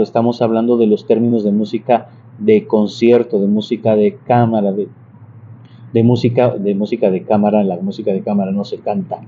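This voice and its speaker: A man giving a casual singing lesson, explaining patiently with many restarts and examples. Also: medium pitch. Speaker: church music and singing teacher. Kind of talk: casual vocal lesson with sung demonstrations. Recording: dull, slightly lo-fi sound with faint noise.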